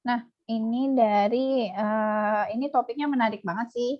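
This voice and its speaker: A woman's voice: fairly high pitch, steady tone, normal speed. Woman moderator reading questions on a muffled call. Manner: friendly, reads audience questions with many fillers. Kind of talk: webinar moderation. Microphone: video call. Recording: muffled online call audio.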